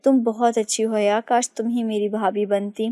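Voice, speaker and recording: A woman's voice: on the high side, level tone, moderate pace, warm tone, no room sound, clean studio sound, lightly acted. A woman voicing a timid, innocent younger sister who speaks meekly and pleadingly in a story reading. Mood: sweet. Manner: meek, pleading.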